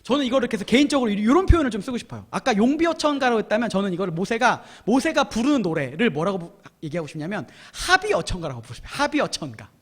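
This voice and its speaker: Man, youth pastor, energetic sermon, very high voice, lively swooping pitch. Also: very fast, hardly any pauses, breathy edge. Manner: energetic, casual speech to teens, acting out quotes.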